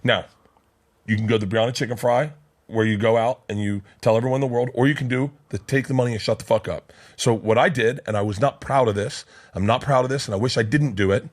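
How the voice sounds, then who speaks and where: A man in his fifties telling a story in a casual podcast chat, fast, profane and worked up, acting out the people in it. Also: medium pitch, steady tone. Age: 50s. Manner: fast, profane, worked-up retelling with quoted voices.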